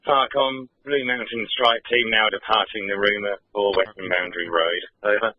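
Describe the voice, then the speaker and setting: A man's voice: fairly low pitch, steady tone, moderate pace, no room sound. A man on fire service radio, speaking in clipped procedural call signs over a walkie-talkie. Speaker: firefighting radio operator. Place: two-way radio transmission. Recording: dull, lo-fi two-way radio.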